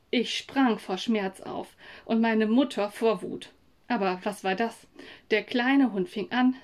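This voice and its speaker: A woman reads a children's story aloud in a calm, even way. Her voice sits fairly high, and the telling is steady and clear. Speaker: narrator. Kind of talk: storybook reading.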